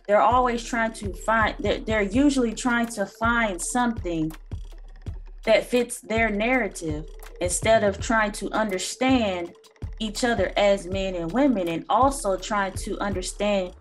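A woman in her thirties who hosts a reaction channel speaks at a medium pitch and an unhurried pace. Her commentary is earnest and lecturing with occasional ums, recorded on a phone or webcam in a small indoor room.

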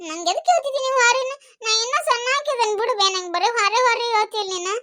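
A sulky, boastful young village girl, voiced by a woman, speaking with a North Karnataka accent. Her voice is very high and bright. She whines quickly about her chores and her hair. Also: a little hiss or hum. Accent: North Karnataka Kannada. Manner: whiny, boastful.

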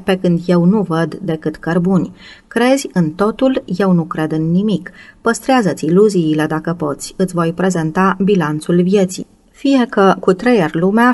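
A woman's voice: fairly low pitch, darkish tone, natural voice. A woman reading a cynical old moneylender. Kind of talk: audiobook reading.

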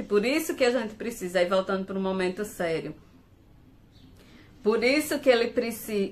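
A woman's voice: medium pitch, fairly bright tone. A woman hosting a casual live stream from home, reading viewer comments aloud and laughing often.

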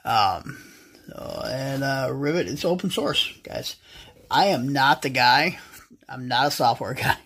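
A man's voice: mid-range voice, animated, measured pace, creaky, a bit bright, breathy edge. An American man in his thirties chatting casually as he explains things as a vlog host, folksy, slangy and plain-spoken. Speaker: vlog host and ham radio hobbyist. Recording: faint outdoor ambient noise.

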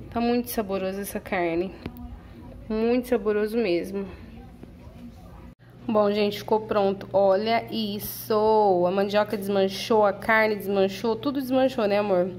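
A woman's voice: medium pitch, darkish tone, a little hiss or hum. A young woman from Brazil hosting a casual home cooking vlog, chatting to viewers and cheering on her partner as he cooks. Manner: chatty, addresses viewers directly, praises and prompts her partner. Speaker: channel host filming her husband cooking. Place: home kitchen.

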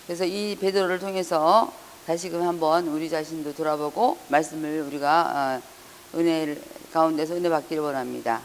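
In a church hall with long reverb and slight background noise, a pastor delivers an earnest Sunday sermon, frequently hesitating and correcting himself and raising his voice to read scripture. He speaks briskly at medium pitch with fairly even intonation.

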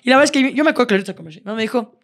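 A woman, co-hosting a podcast and telling personal stories in a lively, laughing, swear-sprinkled way. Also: fairly high pitch, rapid-fire. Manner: lively, laughs often, swears casually, many restarts. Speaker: podcast co-host. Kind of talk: casual storytelling chat.

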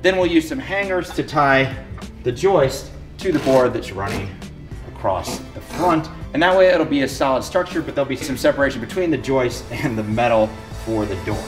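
With a medium-pitched, expressive voice at normal speed, this man in his thirties explains repair work for his renovation vlog. He's casual and matter-of-fact, filming in a big empty brick building on an arm's-length camera mic, with music in the background.

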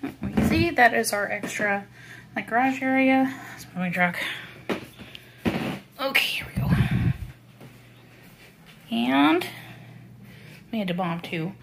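Woman vlogger, rambling house-tour narration, pitch a bit high, noisy handheld recording. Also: takes it slowly, creaky, long pauses. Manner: chatty, rambling, coos at her pets in a high baby voice. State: tired after moving. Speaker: vlogger giving a home tour. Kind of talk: casual home tour narration. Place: inside a newly moved-into house.

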